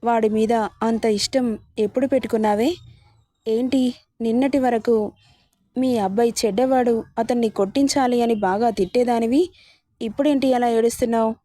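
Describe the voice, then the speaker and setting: A woman voicing a kind middle-aged mother who coaxes and gently teases a young girl. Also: a little high, fairly even intonation, normal speed, no echo, lightly acted. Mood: coaxing. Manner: coaxing, affectionate scolding.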